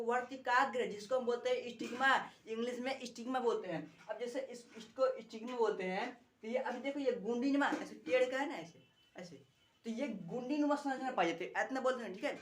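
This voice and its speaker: A woman's voice: on the high side, a little hiss or hum. A woman teaching a biology lesson, repeating key terms and asking rhetorical questions as she explains a diagram. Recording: echoey room.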